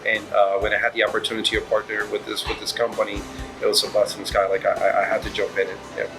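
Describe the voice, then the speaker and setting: A man's voice: on the low side, monotone, rapid-fire, low-quality recording. A middle-aged man from Puerto Rico, a restaurant managing partner, answering interview questions in a rambling way with many fillers and restarts. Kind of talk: casual interview. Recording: music playing underneath.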